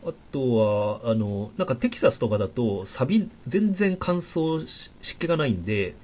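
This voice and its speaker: A man hosting a podcast, talking in a relaxed, chatty way with plenty of fillers. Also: medium pitch, normal speed. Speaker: podcast host. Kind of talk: casual chat.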